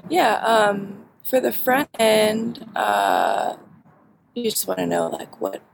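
A young woman answering interview questions about her bootcamp projects, halting with many fillers and frequent laughs. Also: mid-range voice, wildly swooping pitch, gravelly, slight background noise. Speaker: bootcamp graduate.

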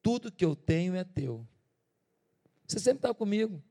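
A man's voice: high-pitched, very animated, moderate pace, creaky, exaggerated voice. A man voicing a loving father who welcomes his son back, speaking tenderly. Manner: tender and warm-hearted. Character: loving, joyful old father. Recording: reverberant church hall.

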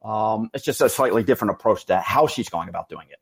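A man hosting a podcast, explaining things conversationally with halting, repeated words. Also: on the low side, animated, slightly rough. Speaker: podcast host.

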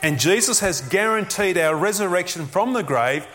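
A man's voice: high-pitched, lively intonation, moderate pace, fairly bright tone. A man preaching a sermon as a pastor, earnest and emphatic, often asking rhetorical questions.

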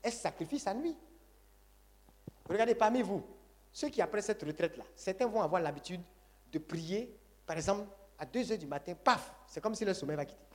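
Preaching briskly and expressively in a high voice, this man drives his sermon home with repeated phrases and emphasis, urging the congregation to answer him with "Amen."

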